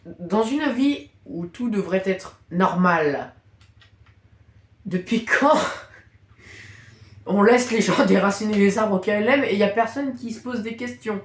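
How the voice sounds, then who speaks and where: Excitable young woman reacting, echoey room. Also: mid-range voice, takes it slowly, long pauses. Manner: excitable, swears freely, frequent fillers. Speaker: reaction video creator. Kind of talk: casual reaction commentary.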